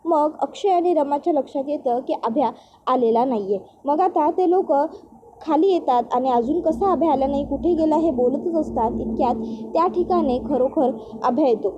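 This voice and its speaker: A woman narrates a television episode recap in a steady storytelling way. Her voice is high. The audio is a little dull, with faint noise underneath. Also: moderate pace.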